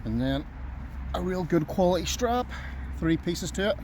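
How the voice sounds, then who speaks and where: A man's voice: high voice, lively intonation, normal speed, darkish tone. A man talking casually to camera as a camping vlogger, rambling in an easygoing way and thinking aloud. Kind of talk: casual outdoor vlog talk to camera. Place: outdoors at a tent by a road. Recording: clear outdoor background noise, nearby road.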